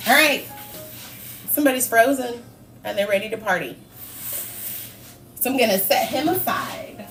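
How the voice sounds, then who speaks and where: A woman's voice: on the high side, normal speed. A woman hosts a cooking livestream, chatting freely with her viewers as she works. She laughs often and answers the live chat, with faint music playing behind her. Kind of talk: casual chat while cooking.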